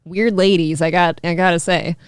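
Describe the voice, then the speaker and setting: A woman with a clean, smooth voice co-hosts a casual talk show. She banters bluntly and teases, recorded very dry with no room sound. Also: on the low side, fairly even intonation, normal speed, no echo. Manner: blunt, teasing. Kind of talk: casual chat, teasing banter.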